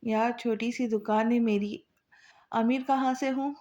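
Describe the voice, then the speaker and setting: A woman's voice: on the high side, steady tone, measured pace, warm tone, close to an everyday voice. A woman voicing a lovesick young man who pleads and complains, in a storybook reading. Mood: pleading.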